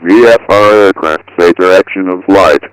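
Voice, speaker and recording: A deep, smooth synthetic male voice reads out an automated airport weather broadcast. Each item comes out even and clipped, the way text-to-speech does. The sound is dry and close. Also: moderate pace, no room sound, rough recording. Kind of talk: looping automated weather and runway readout.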